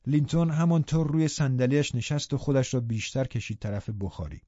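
A man reading an audiobook novel in a measured storytelling manner. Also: medium pitch, animated, dark tone, no room sound. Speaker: audiobook narrator. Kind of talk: scripted narration. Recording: dull, dry audiobook recording.

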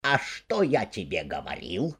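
A man voicing an excitable, bossy male water rat in a storybook reading. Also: fairly low pitch, slightly rough, exaggerated voice. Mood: excited. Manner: brisk, impatient, bossy.

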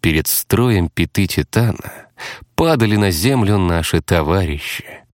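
Deep-voiced man narrating an audiobook. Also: animated, a little slow, no room sound, studio quality. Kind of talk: scripted narration.

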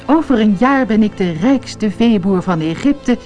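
A woman's voice: mid-range voice, a little slow, soft background music, pitched above the performer's own voice, lightly acted. A boastful greedy poor man, as a woman reads him. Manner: excited, raised and grandiose.

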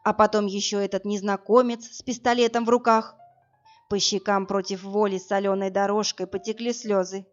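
A woman narrating a first-person audiobook in a steady, even storytelling voice. The recording is dull and lo-fi, and faint music runs beneath her. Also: mid-range voice.

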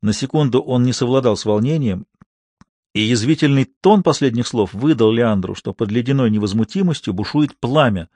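A man narrates an audiobook in a measured, steady way. His voice sits at a middle pitch. The recording is close and dry, with no room sound. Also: no room sound. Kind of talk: scripted narration.

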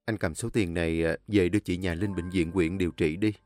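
A man voicing a wealthy, generous middle-aged man who speaks in a calm, reassuring way, a little lower than his own voice. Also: a little fast, natural voice. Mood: kind.

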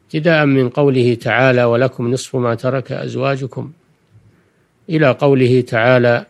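An older man delivers a religious lesson in formal Standard Arabic. He explains in a deliberate, didactic way and repeats key phrases for his listeners, at an ordinary male pitch. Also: steady tone, vocal fry. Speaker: religious scholar giving a recorded lesson. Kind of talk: Quranic exegesis lecture for listeners.

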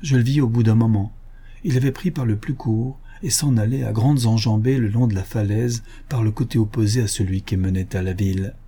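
Husky mellow male audiobook narrator. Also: fairly low pitch. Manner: measured, expressive first-person storytelling.

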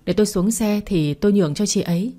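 A woman's voice: medium pitch, fast talker, dark tone, close to an everyday voice. Woman reading as a frightened, pleading young bride-to-be. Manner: urgent, pleading.

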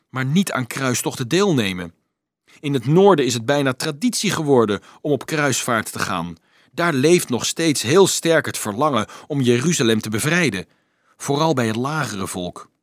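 A man's voice: medium pitch, expressive, moderate pace, no echo, clean studio sound, lightly acted. A man voicing a remorseful confessing swindler. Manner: earnest, pleading, guilt-ridden. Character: remorseful middle-aged male swindler confessing. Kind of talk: audiobook character voice.

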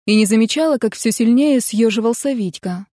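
A woman's voice: on the high side, a little fast, warm tone, dry recording, studio quality. A woman reading first-person narration from a novel, with emphatic delivery of the dialogue. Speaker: audiobook reader.

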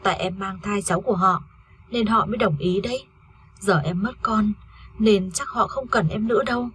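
A woman's voice: medium pitch, moderate pace, fairly bright tone, a little hiss or hum, close to an everyday voice. A woman reading a story aloud, voicing a grieving young wife who has lost her baby, in a tearful, pleading way. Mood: bitter.

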